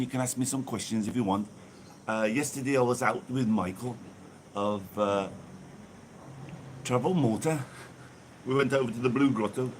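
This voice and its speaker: A man's voice: medium pitch, a little hiss or hum. A man from England chatting casually on a phone live stream, bubbly and reading viewer comments aloud while outdoors. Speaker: vlogger hosting a live stream. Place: outdoors with a church view behind. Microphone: phone held in front of him.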